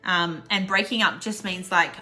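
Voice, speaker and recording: An Australian woman giving a casual online English lesson, chatty and laughing often, slowing down to repeat example phrases. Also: on the low side, pushed and bright, soft background music. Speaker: English teacher.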